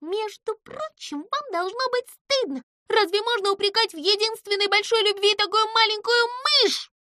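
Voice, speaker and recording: Woman doing a squeaky weepy little mouse girl. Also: normal speed, sharp tone, no echo. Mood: shrill, whiny. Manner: squeaky, tearful, shrill outbursts. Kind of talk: audiobook character voice.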